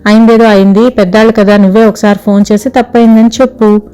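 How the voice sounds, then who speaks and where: A woman voicing a soft-spoken, patient middle-aged wife in an audio story, with a kindly but firm way of talking. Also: medium pitch, level tone, fast talker, clean tone, soft background music, natural voice. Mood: gentle coaxing.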